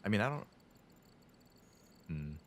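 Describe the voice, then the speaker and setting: Nervous low-voiced man streaming a horror game. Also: very animated, takes it slowly. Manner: nervous, uneasy, muttering to himself while playing. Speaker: video game live streamer. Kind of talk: casual chat while playing a horror game.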